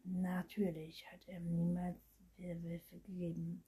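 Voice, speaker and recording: Storybook boy vampire, mocking and hissy, breathy whispers; a woman reader voices him. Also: fairly low pitch, monotone, slow pace, mellow, heavily acted. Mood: teasing. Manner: hissing, teasing, often whispered. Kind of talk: storybook reading.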